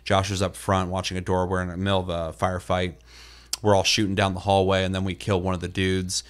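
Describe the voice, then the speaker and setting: Podcast co-host, male, very low voice, loose rambling delivery with lots of "uh" and "um", casual swearing. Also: completely flat delivery, fast, smooth. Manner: rambling, filler-heavy storytelling with casual swearing. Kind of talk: casual gaming podcast chat.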